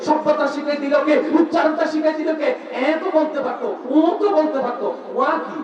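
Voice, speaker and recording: A man preaching a fervent sermon, often shouting and firing rhetorical questions at the crowd to draw responses. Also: very high-pitched, fairly even intonation, a little fast, muffled recording. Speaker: Islamic preacher. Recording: echoey PA sound from far off with crowd. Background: crowd of listeners.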